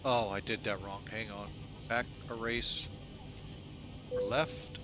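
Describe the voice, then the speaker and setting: A man's voice: fairly low pitch, slow, music in the background. A man streaming a flight simulator as an airline pilot, speaking into a headset mic and chatting casually with viewers. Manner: relaxed, talks to viewers as "folks". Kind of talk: casual commentary while flying a simulator.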